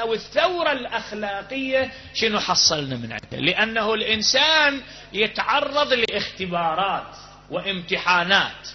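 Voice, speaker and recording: A man with an Iraqi Arabic accent preaching a sermon to a congregation, impassioned, stretching key words and then sinking to a low hush. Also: slight background noise. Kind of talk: sermon with storytelling. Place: hall with a live congregation. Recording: dull lo-fi recording.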